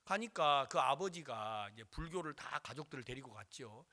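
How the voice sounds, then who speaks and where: Bright, animated male pastor preaching. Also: mid-range voice, moderate pace. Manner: dramatic storytelling with acted-out voices. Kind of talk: sermon.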